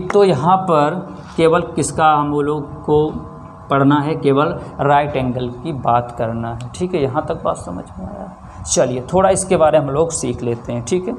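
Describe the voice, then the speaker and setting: A male maths teacher with a north Indian Hindi accent and a slightly high voice. He keeps asking his class questions, answers each one himself and adds a checking "theek hai" again and again. A faint hiss of noise sits under the recording. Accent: Hindi-speaking north Indian. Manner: repeats rhetorical questions and answers them himself; often adds a checking 'theek hai'. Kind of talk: classroom lesson.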